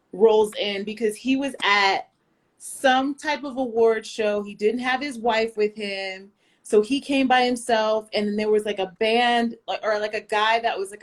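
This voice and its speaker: An American woman chatting casually, telling a lively story full of fillers and asides. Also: medium pitch. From United States. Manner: animated storyteller, lots of fillers. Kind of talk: casual chat.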